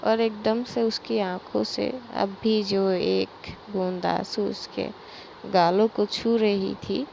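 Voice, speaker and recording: A woman's voice: medium pitch, steady tone, vocal fry, darkish tone, slight background noise, rough recording. A young woman narrating a romance story in a casual, unscripted way. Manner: slow, unscripted, with fillers and restarts.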